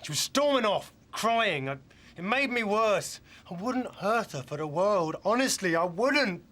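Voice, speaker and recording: An actor playing a defensive British man under police questioning in a TV drama, halting, emotional and pleading. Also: high voice, sing-song, a bit bright, exaggerated voice. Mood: agitated, pleading. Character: male suspect, defensive, agitated, pleading.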